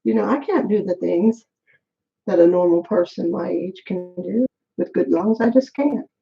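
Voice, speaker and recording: With a lowish, mellow voice and some vocal fry at normal speed, a middle-aged vlogger chats candidly to herself while braiding her hair on camera, short of breath and rambling. The highs are cut off.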